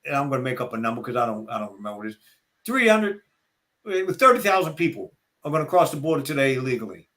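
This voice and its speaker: A man's voice: mid-range voice, big pitch swings, fast, sharp tone. An older man with a Southern accent, a guest talking in a folksy, rambling, opinionated way during a casual interview. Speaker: guest speaker.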